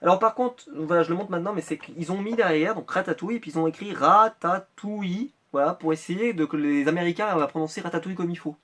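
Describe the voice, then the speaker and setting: A man's voice: high voice, quick pace, hardly any pauses, fairly bright tone. A man from France chatting casually through an unboxing vlog, rambling and hesitating often. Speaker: Funko Pop collector vlogger.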